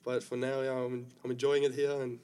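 Young man, flat voice. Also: medium pitch, fairly quick, clear, resonant tone. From South Africa. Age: young adult. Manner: relaxed, easygoing, many fillers. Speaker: guest rugby player. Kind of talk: casual interview chat.

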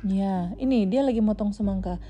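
A woman's voice: mid-range voice, a little fast, loud music behind the voice. A mother reading a children's storybook aloud to her child, adding playful asides as she goes.

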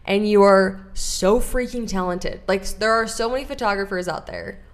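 A woman's voice: mid-range voice, normal speed. A young woman hosting a podcast in casual chat, bubbly and gushing, with lots of filler words. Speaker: podcast host.

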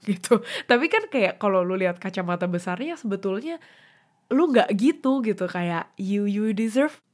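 A woman's voice: medium pitch, darkish tone. A young woman podcast host, telling a personal story, tearful at times and mixing in English phrases.

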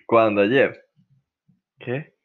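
A young man with a lowish voice talks very slowly in a casual chat among friends, rambling, using slang, and telling stories. The lo-fi recording sounds slightly muffled.

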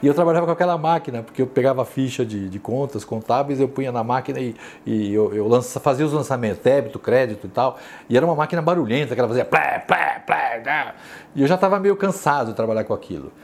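A man in his sixties from São Paulo, Brazil, speaking São Paulo Portuguese, looks back on his working life in a reflective interview. His medium-pitched voice is animated, yet he talks slowly and hesitantly, restarting often and using many tag questions. Faint music sits behind him.

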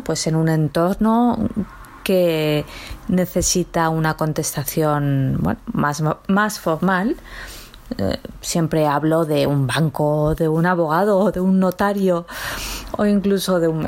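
A woman with a Spain accent teaching a patient radio language lesson and explaining slowly with examples. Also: on the low side, darkish tone. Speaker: Spanish teacher and radio host.

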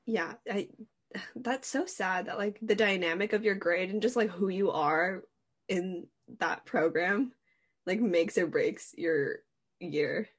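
A woman's voice: mid-range voice, takes it slowly, husky. A teenage girl chatting casually with friends about school, laid-back and full of fillers. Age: teens. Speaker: student in group chat. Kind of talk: casual chat.

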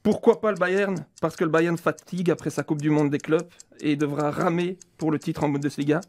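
A man arguing a football debate as a pundit, reeling off statistics in quick succession. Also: fairly high pitch, steady tone. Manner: rapid-fire stats delivery. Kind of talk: argument in a debate.

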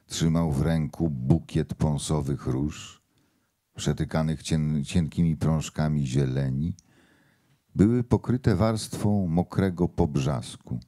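A man giving a measured, expressive literary reading of a novel at a book launch. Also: extremely low pitch.

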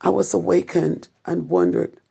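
A preacher delivering an urgent doomsday sermon, solemn and pleading, with repeated calls to repent in a gravelly, husky voice. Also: mid-range voice, little pitch movement, warm tone. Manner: solemn, pleading, slow, repetitive exhortation with long pauses. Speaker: preacher giving a prophetic warning.

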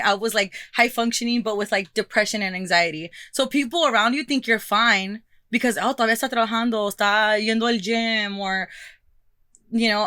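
A woman's voice: mid-range voice, pushed and bright, no room sound, studio quality. A woman musician, a guest in an interview, talking openly and switching freely between English and Spanish. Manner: open and reflective. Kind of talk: candid interview conversation.

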